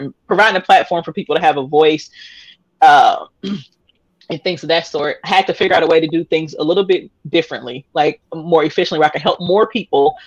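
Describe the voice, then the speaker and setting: A woman in her thirties, appearing as a podcast guest, tells her story candidly, rambling with lots of fillers and restarts and laughing often. Her voice is deep, and the recording is muffled with no room sound.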